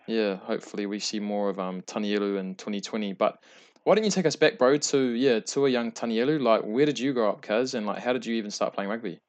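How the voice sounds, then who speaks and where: A man's voice: lowish voice, quick pace, a little mellow. A man with a New Zealand accent hosting a casual interview, asking long rambling questions in friendly, slangy talk. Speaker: interviewer, podcast host.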